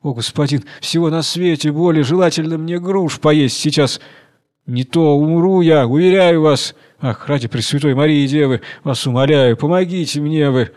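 A man's voice: a little high, normal speed, a little mellow, close to an everyday voice. A man doing a sly, coaxing young wife. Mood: pleading. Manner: pleading, then smoothly excusing herself.

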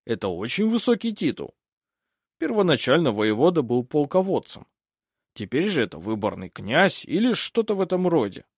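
A man playing a self-assured older French baron in an audiobook, husky and measured. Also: fairly high pitch, big pitch swings, no echo, studio quality, heavily acted. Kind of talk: audiobook character reading.

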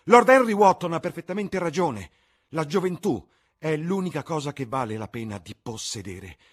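A man's voice: medium pitch, big pitch swings, normal speed, slightly rough, pitched above the performer's own voice. A man voicing a vain, desperate young man terrified of growing old, speaking in a strained, impassioned way. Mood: anguished.

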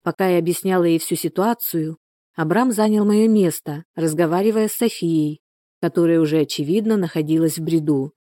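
A woman narrating a first-person audiobook with a measured, steady delivery. Her voice sits low and mellow. The recording is close and dry. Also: no echo.

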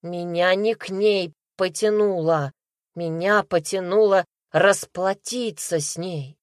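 A woman's voice: fairly low pitch, slow pace, no room sound, clean studio sound. A woman reading an audiobook, voicing a frightened young man under suspicion who speaks in a broken, pleading way. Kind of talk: audiobook character voice.

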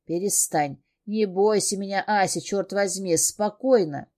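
A woman's voice: mid-range voice, unhurried, warm tone, natural voice. A woman voicing a domineering, angry man in an audiobook, barking orders and cursing. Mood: harsh commanding.

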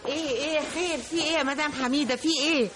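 A flustered, indignant salon owner. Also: female voice, high voice, fast talker, fairly bright tone, slight background noise. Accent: Egyptian Arabic. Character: prim indignant salon owner woman, proper. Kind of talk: radio drama acting.

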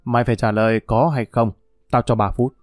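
A man's voice: mid-range voice, steady tone, fairly quick, no room sound, clean studio sound, close to an everyday voice. A man playing a cruel male pimp who speaks in a harsh, threatening, contemptuous way. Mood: menacing. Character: brutal male pimp, cold and menacing.

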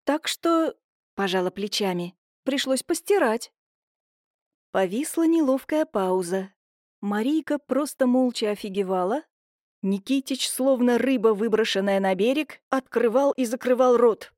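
A woman narrating an audiobook in a lively, expressive way. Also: a little high, normal speed, no echo, clean studio sound. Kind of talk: audiobook narration with character voices.

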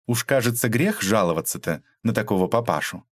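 A man's voice: lowish voice, expressive, brisk, dry recording. A man reading an audiobook aloud, voicing a tough, ironic young woman detective who mocks and lectures. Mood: mocking. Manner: mocking, cold, lecturing.

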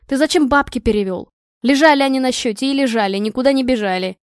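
A woman reading a calm, dry young man. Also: high-pitched, no room sound, lightly acted. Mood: annoyed. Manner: unhurried and dry. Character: calm, sardonic young man, tech-savvy friend.

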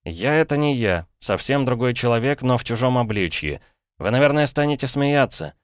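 A man's voice: mid-range voice, lively intonation, a little fast, clean tone, no room sound, clean studio sound, voice pushed up, close to an everyday voice. A man doing a desperate old man in a boy's body. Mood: pleading. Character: elderly man trapped in a schoolboy's body, desperate and indignant. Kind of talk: audiobook character reading.

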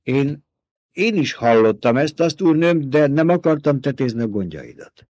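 A man's voice: medium pitch, sing-song, darkish tone, no echo, dull audio, pitched above the performer's own voice. A man reading an audiobook, voicing a timid, evasive household doctor who stammers hesitantly. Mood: sheepish.

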